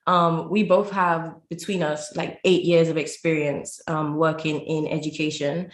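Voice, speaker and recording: A woman's voice: low voice, level tone, a little slow. A woman from Lucia, answering conversationally as an interview guest who teaches language. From Saint Lucia. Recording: roomy, echoey sound.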